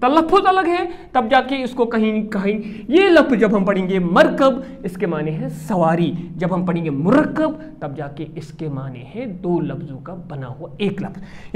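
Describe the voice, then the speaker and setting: A man teaching a class of schoolchildren, repeating key words and quizzing the pupils as he goes. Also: high voice. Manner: emphatic, stretches words for stress. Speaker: Urdu teacher. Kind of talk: classroom lecture to children.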